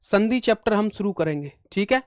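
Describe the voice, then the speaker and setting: A man's voice: sits high, animated, fairly quick, darkish tone, no echo, clean studio sound. A man teaching an online exam-prep lesson, asking the class questions and answering them himself, reciting letters with emphasis.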